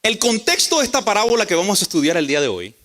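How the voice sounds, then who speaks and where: A male pastor delivers a sermon and tells a story, playing out each character in it. His voice is high and bright, and his pitch swings widely. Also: big pitch swings, rapid-fire.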